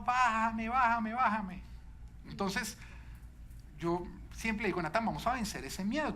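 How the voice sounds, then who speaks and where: A man preaching a sermon as pastor, telling stories with lively shifts into quoted voices. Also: slight background noise. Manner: animated storytelling, quoting a child in a high shouting voice.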